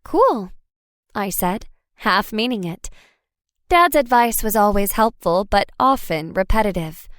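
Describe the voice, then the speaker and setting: A woman's voice: mid-range voice, animated, a little slow, fairly bright tone, clear, resonant tone, no room sound, studio quality. A woman reading a first-person audiobook chapter in a light, wry storytelling manner. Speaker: audiobook narrator. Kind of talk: first-person scripted narration.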